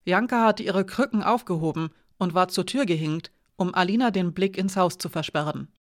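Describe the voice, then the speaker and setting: A narrator reading a novel aloud in a measured, even way. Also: medium pitch, dry recording, studio quality. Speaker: audiobook narrator. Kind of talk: scripted narration.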